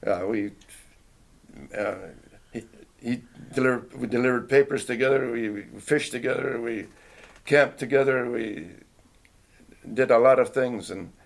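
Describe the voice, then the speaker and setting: With a mid-range voice, measured pace and frequent pauses, an older Canadian man of Finnish first language recalls his childhood in an oral history interview. His delivery is reflective and hesitant, marked by restarts and throat clearing.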